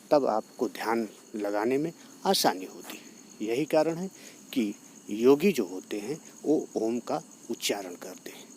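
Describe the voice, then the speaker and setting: A man teaching yoga in a steady, explanatory talk, going back over his key points. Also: mid-range voice, slight background noise.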